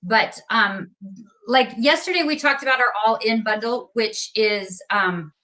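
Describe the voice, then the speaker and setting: A woman's voice: on the high side, unhurried, pushed and bright. A woman hosting a live craft sales stream, chatty and upbeat, giving away prizes and reading out winners. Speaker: livestream host for a craft company.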